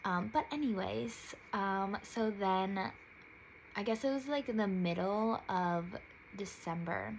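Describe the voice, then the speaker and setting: A woman's voice: mid-range voice, slow pace, gravelly, a little hiss or hum, rough recording. A young woman in her twenties telling a personal story in a casual vlog, chatty and full of "like"s, jumping her voice up when quoting others. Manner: chatty, filler-heavy, emotional, many "like"s. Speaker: vlogger.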